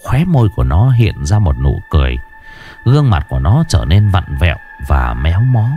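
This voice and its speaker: A man's voice: low-pitched, big pitch swings, normal speed, dark tone, faint music behind. A man narrating a ghost story with a dramatic, suspenseful delivery.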